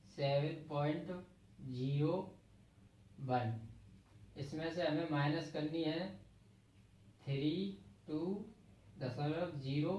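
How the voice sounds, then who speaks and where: This classroom math teacher speaks with a Hindi accent from around Agra, his voice on the high side and a little mellow. He walks through the problem step by step and counts digits out loud. The room sound is dull, lo-fi, distant and very echoey, with slight background noise.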